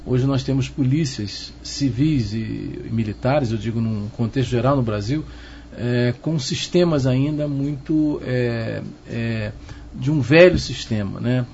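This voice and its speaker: In a muffled, dull low-fi recording with noticeable background noise, a middle-aged man from Rio de Janeiro is interviewed as an expert and professor of security. His voice is creaky and a little mellow, and he explains in measured steps with a Carioca Brazilian Portuguese accent, frequently looking for a nod of assent.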